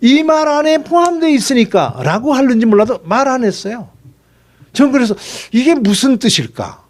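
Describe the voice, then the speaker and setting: A male pastor preaches in a conversational, storytelling manner and keeps slipping into acted dialogue. His voice sits high, and his pitch moves in lively swings. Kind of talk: sermon.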